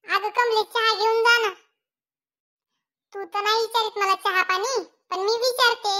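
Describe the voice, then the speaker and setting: Someone doing a sharp-tongued village woman, mocking and scolding, squeaky and sharp. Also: fairly even intonation, unhurried, exaggerated voice. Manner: taunting, scolding. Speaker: Shantabai, neighbor. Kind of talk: cartoon comedy dialogue.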